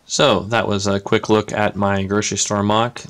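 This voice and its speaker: A man's voice: lowish voice, level tone, moderate pace, fairly bright tone. A man, a parent, casually showing his toy-brick model off camera, listing items with many fillers. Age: adult parent. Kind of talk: casual show-and-tell. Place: indoors at a table.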